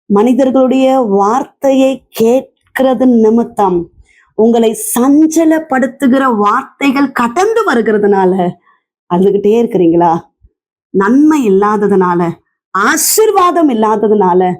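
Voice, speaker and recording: Woman doing a daily devotion, earnest, stretches her words out, mid-pitched voice. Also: darkish tone. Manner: earnest, emphatic preaching with drawn-out phrases. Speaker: devotional speaker.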